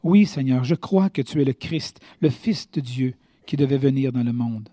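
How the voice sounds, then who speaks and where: Man reading a grieving believer, mellow and earnest, dry sound. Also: mid-range voice, lively intonation, normal speed, no echo, natural voice. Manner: read aloud plainly. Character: Martha, a grieving woman of faith.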